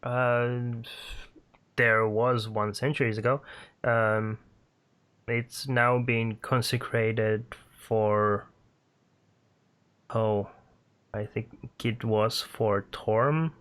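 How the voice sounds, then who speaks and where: A man's voice: medium pitch, steady tone, a bit bright. A man narrating a tabletop role-playing game as game master, hesitant and full of fillers. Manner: slow and hesitant, many fillers.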